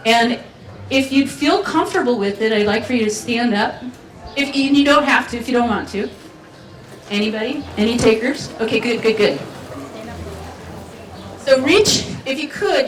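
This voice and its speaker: Speaking at a community festival, a woman gives a playful, chatty keynote that draws the audience in, her fairly high voice expressive at a moderate pace. The recording picks her up from far off in the community event venue, with roomy hall sound, faint ambience and slight background noise.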